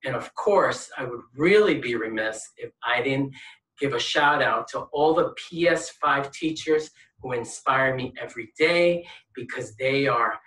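Guest speaker, bright tone, earnest praise, echoey room, distant mic. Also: mid-range voice, measured pace. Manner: earnest, warm praise, emphatic lists. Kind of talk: recorded message.

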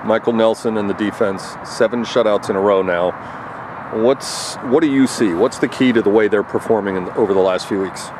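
A man's voice: on the low side, normal speed. Man asking post-game questions, street noise. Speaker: reporter. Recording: outdoor night, clear traffic noise.

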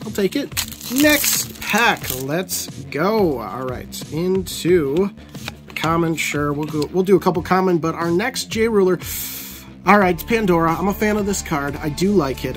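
A man casually commenting as he opens trading card packs, excitable and prone to swinging from glum to elated. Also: a little high. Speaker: card unboxing vlogger.

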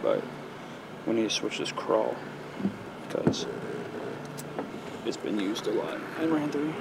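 With a fairly low pitch and vocal fry, this male fishing vlogger speaks slowly, using a casual, slangy style as he films by the ponds. He stays laid-back but gets excited when he lands a fish, all captured in noisy outdoor camera sound.

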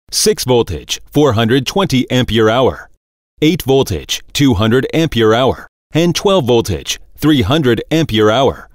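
Lively dry-voiced male corporate narrator. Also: mid-range voice, no room sound. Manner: reads long lists in a steady measured cadence. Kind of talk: scripted narration. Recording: dry voice-over.

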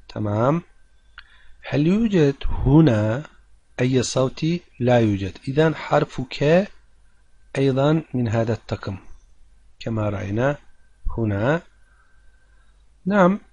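A male teacher who talks slowly and patiently, breaking a lesson into small steps and counting syllables out loud. His voice is a little husky and sits at an ordinary middle pitch. The sound is dry and close, with no room around it. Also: dry recording, muffled recording. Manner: patient, halting explanation with frequent pauses and repetitions; counts syllables aloud one by one. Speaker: Turkish language teacher. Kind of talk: step-by-step grammar lesson.

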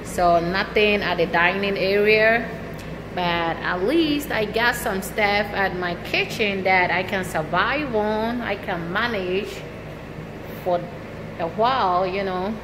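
In a laid-back home tour vlog, a service member points her handheld phone around her small, near-empty apartment indoors without stepping on camera. Her mid-range voice moves slowly and easily, with plenty of laughter between lines, and background noise can be heard.

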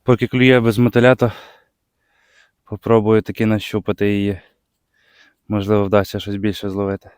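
A man from Ukraine with a Bukovina accent, chatting casually as he fishes on the ice outdoors, breaking into excited exclamations when a fish bites. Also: on the low side, moderate pace, pauses often, clean tone, dry recording, studio quality. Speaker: fishing vlogger. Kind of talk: casual commentary while ice fishing. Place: outdoors on a frozen lake.

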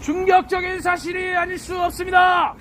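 Shouting man with a very high voice. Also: completely flat delivery, slight background noise. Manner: shouting slogans in drawn-out phrases. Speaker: street protester. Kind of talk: shouted protest speech.

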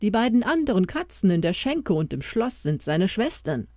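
A small crowned mouse who was once an old king speaks in a raised, lively voice, as a woman reader puts him on. He comforts and urges gently, slowly and warmly, in this storybook tale. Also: mid-range voice, no room sound, studio quality, voice pushed up, close to an everyday voice. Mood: earnest, urging. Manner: comforting, urging.

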